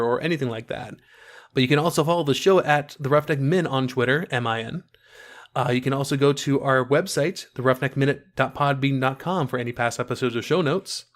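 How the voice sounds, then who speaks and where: A man's voice: mid-range voice, a little fast, fairly bright tone. A man co-hosting a casual podcast, joking and insistent as he pushes a mock conspiracy theory and reads the show's sign-off. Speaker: podcast co-host.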